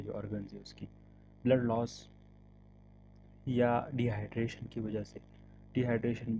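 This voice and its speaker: A man delivers a medical lecture at an unhurried pace, reading definitions aloud and then breaking them down. His voice sits at an ordinary pitch. The recording sounds muffled and low-fidelity, with a clear layer of hiss behind it. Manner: slow, explanatory, reads definitions aloud then explains them; mixes English terms into his explanations. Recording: dull lo-fi audio with clear background hiss.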